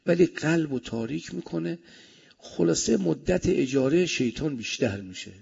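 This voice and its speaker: Gravelly preacher with a husky voice. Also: male voice, fairly high pitch. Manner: animated, swinging between loud emphasis and soft asides. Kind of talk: sermon. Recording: dull lo-fi recording.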